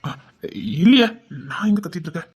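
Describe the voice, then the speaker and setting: A man with a Tirunelveli Tamil accent, voicing a wronged and vengeful husband in a dubbed family drama, scolding bitterly. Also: fairly quick. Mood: guarded. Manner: bitter, scolding, swinging between shouts and low mutters.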